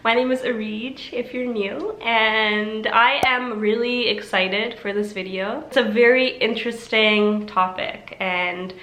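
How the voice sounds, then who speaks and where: A woman's voice: a little high, fairly bright tone, reverberant, low-quality recording. A young woman from Toronto, talking casually to camera in a chatty way, full of asides. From Pakistan-born, raised in Toronto. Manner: chatty, lots of likes and asides. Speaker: vlogger.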